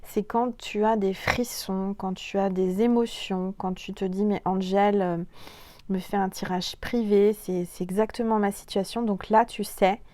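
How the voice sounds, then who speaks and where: A woman's voice: mid-range voice, fairly even intonation, a little slow, warm tone, no echo. Chatty woman reading oracle cards. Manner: chatty, hesitant, many fillers, addresses viewer directly. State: coughing, throat irritated. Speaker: tarot and oracle card reader. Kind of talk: casual spiritual card reading to camera. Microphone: phone.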